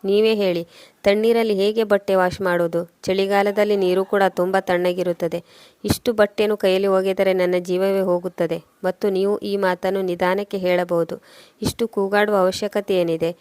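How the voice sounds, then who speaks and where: A woman's voice: medium pitch, little pitch movement, moderate pace, darkish tone, clear, resonant tone, no room sound, natural voice. Defensive young housewife, read by a woman narrator, level and dry. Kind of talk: scripted storytelling narration.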